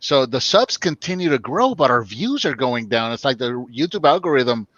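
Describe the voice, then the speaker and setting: A man's voice: mid-range voice, big pitch swings, normal speed, fairly bright tone, no echo. A man in his forties chatting bluntly on a livestream over a video call, casually swearing. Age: 40s. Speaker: co-host guest. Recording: dull, dry lo-fi audio.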